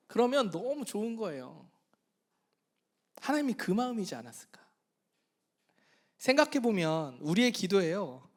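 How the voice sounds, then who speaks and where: A male pastor preaching a sermon in an animated, storytelling way, often turning to the congregation with questions. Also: high-pitched.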